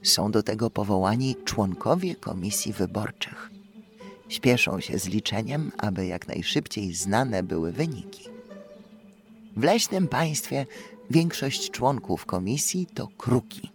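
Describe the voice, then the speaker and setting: Casting: a male children's audiobook narrator, expressive, animated pitch, gravelly. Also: soft background music. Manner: expressive, storytelling, unhurried.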